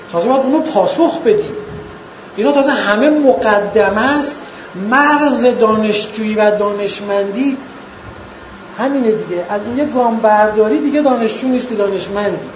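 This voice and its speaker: A man lecturing students in an earnest way, asking rhetorical questions and slowing down to stress points. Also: very high voice, a little hiss or hum. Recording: echoey, dull lo-fi room recording.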